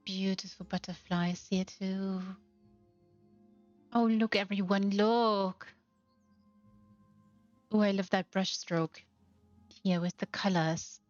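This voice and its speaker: A woman hosting a tour of a game house, gushing with lavish praise at a slow, deliberate pace and sometimes slipping into playful baby-talk. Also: medium pitch, fairly even intonation, a little mellow, lo-fi sound, faint music behind. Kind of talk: casual tour commentary.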